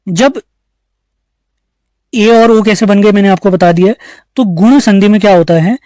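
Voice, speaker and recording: Clean studio audio with no room sound carries a man's high, mellow voice at a measured pace. He teaches an online grammar lesson for exam prep in an Uttarakhand Hindi accent, working through it step by step and answering the questions he puts to the class.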